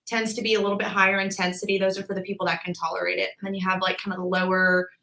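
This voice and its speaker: Bright-voiced young woman, chatty. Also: medium pitch, flat delivery, rapid-fire, low-quality recording. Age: 20s. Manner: chatty, frequent "like" and "um" fillers. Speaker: guest, physical therapist. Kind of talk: casual podcast interview.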